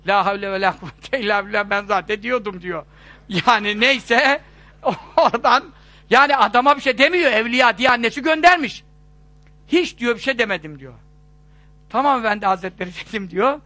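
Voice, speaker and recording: Brief: male preacher, high bright voice, animated storyteller, dry close mic. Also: a little fast, dry recording. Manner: animated storyteller, voices quoted people, chuckles. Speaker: religious preacher. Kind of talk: sermon-style storytelling talk.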